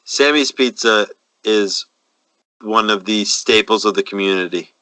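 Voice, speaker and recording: A podcast co-host confidently gives out cooking advice during a casual chat, drawing out words for emphasis. His voice is on the low side with a sharp tone. There's no room sound, and the recording quality is low.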